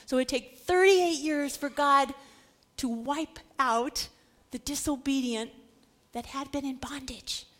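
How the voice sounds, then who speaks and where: This is a sermon teaching Bible history, delivered by a woman whose voice is notably high and a bit bright, with a steady tone and slow pace. She puts dramatic weight on key words and frequently asks her listeners rhetorical questions in a preacher's style of explaining scripture.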